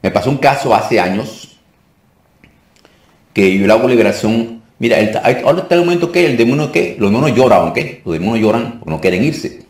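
A man's voice: medium pitch, big pitch swings, fairly quick, darkish tone. Emphatic man teaching in an echoey room. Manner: emphatic, keeps asking "¿ok?" to check on listeners; repeats himself for emphasis. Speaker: deliverance minister teaching a course. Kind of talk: informal teaching talk.

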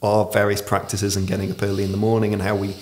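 A man's voice: lowish voice, monotone, fast, a little mellow. A man in his forties who pronounces r as w, explaining reflectively in conversation as a podcast guest. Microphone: podcast microphone on desk stand.

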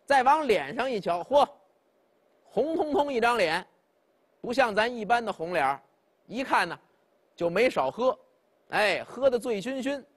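A man's voice: extremely high pitch, big pitch swings, a little slow, pauses often. A man performing traditional Chinese storytelling, chatting directly with his listeners as he narrates. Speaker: pingshu storyteller.

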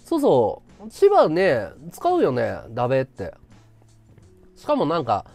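A man's voice: on the high side, huge pitch swings, a little slow, creaky, a little mellow, no echo, faint music behind. A man from Chiba chatting casually with his live-stream viewers, rambling and laughing at his own stories. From Chiba, Japan.

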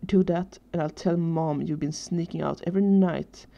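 A woman's voice: sits low, steady tone, normal speed, vocal fry, highs cut off. Cody, a whiny teenage boy, read by a woman. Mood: tearful accusing. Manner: whiny, accusing. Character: angry tearful younger teenage boy.

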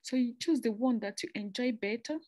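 A young Nigerian presenter walks through slides about a master's program in a chatty, friend-to-friend way, repeating and restarting phrases with conversational asides. Her mellow voice sits a little high and runs a little fast, and the close, dry recording has no room sound or echo.

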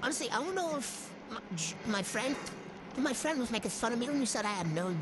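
A young gamer talking through a voice changer, rambling excitably and swearing while playing, with a cold and hiccups. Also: medium pitch, brisk. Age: student. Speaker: gamer vlogger. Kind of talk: casual gameplay commentary. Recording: loud background noise.

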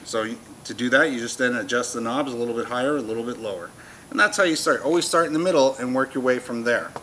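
A shop demonstrator in his fifties gives a folksy, plain-talking product walkthrough, his medium-pitched voice moving fast. Music plays in the background, and the indoor shelved showroom contributes a noisy hum.

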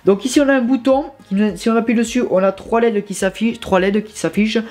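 A man's voice: high-pitched, fairly even intonation, fast, a little mellow. A young man giving a casual product review from his bedroom, chatty and informal with many fillers and restarts. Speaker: tech reviewer.

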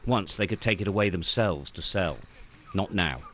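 An older man reporting and narrating a news report in a measured, grave way. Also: low voice, a bit bright.

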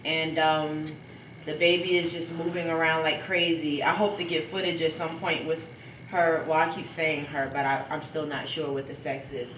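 A woman's voice: low voice, level tone, normal speed, a bit bright, distant mic, a little hiss or hum. A young woman chatting casually in a home video diary, stuffed up with a cold and laughing between thoughts. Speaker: vlogger. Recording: echoey room, from off the mic.

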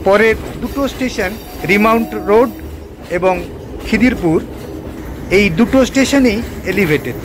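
A man's voice: sits high, expressive, measured pace, long pauses, noisy background. A man narrating a local train journey as a travel vlogger, pointing out sights along the route. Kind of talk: calm guided narration over train footage.

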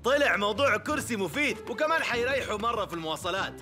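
A carefree cartoon husband who giggles through his lines. He speaks fast with a bright, lively lilt. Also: sits high, faint music behind, full character voice. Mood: giggly. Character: laid-back adult male cartoon husband, best friend.

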